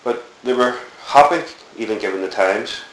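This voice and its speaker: Recorded in an echoey room with faint hiss, this oral history interviewee is a middle-aged man from Belfast, Northern Ireland. He speaks at normal speed in a lowish, fairly bright voice, reminiscing about his childhood in a wandering, thoughtful way full of fillers.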